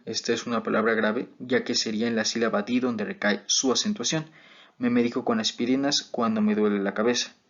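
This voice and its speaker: Man explaining slowly, muffled recording. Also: mid-range voice, a bit bright. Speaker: student presenter. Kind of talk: explaining examples in a class presentation.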